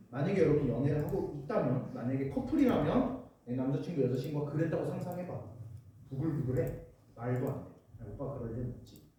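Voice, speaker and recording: A man's voice: on the high side, mellow. A young man preaching a casual sermon to teenagers at a church retreat, chatting with the audience and acting out quotes. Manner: conversational, asks the audience questions, acts out quotes. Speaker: youth preacher. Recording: echoey hall, voice from far off, faint noise.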